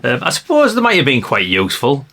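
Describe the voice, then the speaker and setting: Fast-talking and pushed, with a bright mid-range voice whose pitch swoops wildly, a man reviewing vintage radios gives an offhand, hands-on gadget demonstration, often tacking questions onto what he says.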